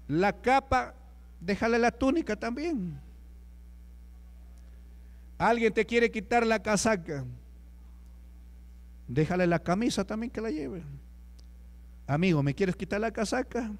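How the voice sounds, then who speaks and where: A man's voice: very high-pitched, slow, pauses often, big-room sound. A man with a Peruvian Spanish accent preaching a sermon as a deacon, talking to the congregation with rhetorical questions and acted-out quotes. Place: church hall.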